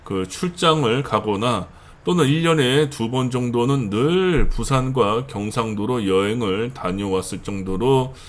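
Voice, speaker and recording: A man's voice: mid-range voice, a little slow. A middle-aged man from the Seoul area hosting his own channel, giving a chatty monologue full of fillers and emphatic repetition. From northern Gyeonggi and Seoul, South Korea. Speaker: channel host. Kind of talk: monologue commentary.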